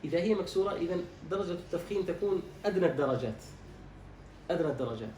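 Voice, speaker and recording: A man teaching Quran recitation, quizzing his student and drawing out words slowly to demonstrate them. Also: sits high, lively intonation, a little mellow. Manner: instructive, quizzes and demonstrates slow drawn-out words. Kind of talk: recitation lesson, correcting a student. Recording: roomy echo, distant mic, faint noise.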